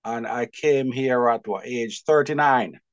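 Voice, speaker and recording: A man with a Jamaican accent, chatting as an interview guest, lively and quick to laugh. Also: medium pitch, clean tone, no echo, muffled recording. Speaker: guest, publisher. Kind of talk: casual interview chat.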